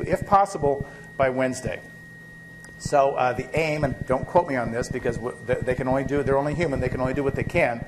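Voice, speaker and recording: A male biochemistry professor with a fairly high voice lectures at a university while coming down with a cold, coughing now and then. He talks loosely, full of fillers and restarts, and background noise fills the lecture hall recording.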